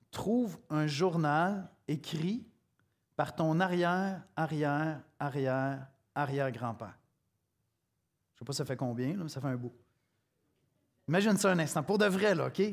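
A middle-aged man with a Québécois accent preaching a sermon in a conversational, storytelling way, speaking straight to the listener. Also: a little high. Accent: Québécois French. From Quebec. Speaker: pastor.

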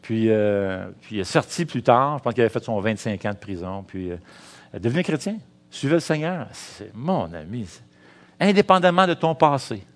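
A middle-aged man preaching a sermon as pastor, in a Quebec French accent, lively and calling out to the congregation. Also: medium pitch, moderate pace.

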